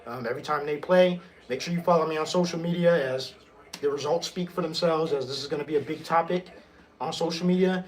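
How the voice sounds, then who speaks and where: Casting: hoarse, high-voiced man hosting a live sports watch stream, excitable and swearing. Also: a little fast. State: hoarse, losing his voice. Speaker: stream host.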